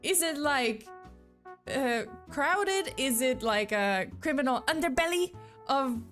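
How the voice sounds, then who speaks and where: Faint music sits behind this young woman's high, animated voice, which moves at a slow pace with a fairly bright tone. Not a native English speaker, she carries a slight mixed accent while chatting loosely on a live stream, full of fillers.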